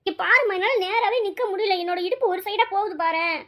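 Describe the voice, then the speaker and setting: A woman's voice: very high voice, quick pace, fairly bright tone. A woman doing a whiny cartoon schoolgirl. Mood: whining. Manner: whining, pleading. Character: whiny young schoolgirl daughter, pleading. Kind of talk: cartoon voice acting.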